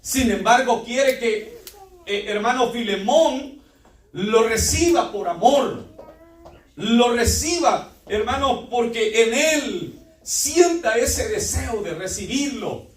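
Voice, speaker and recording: Fervent high-voiced preacher in echoey church. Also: male voice, lively intonation, takes it slowly, far from the mic. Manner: fervent, repeatedly addressing the congregation as brothers. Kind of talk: sermon.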